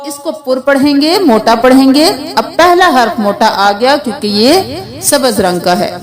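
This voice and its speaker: A woman with a Pakistani Urdu accent teaching letter pronunciation, stretching out each letter name slowly between quick spoken explanations. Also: high voice, animated. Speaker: Quran reading teacher.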